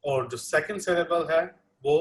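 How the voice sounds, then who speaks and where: A man's voice: fairly high pitch, measured pace. A man interpreting a classroom lecture live, repeating each line with many fillers. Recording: echoey room.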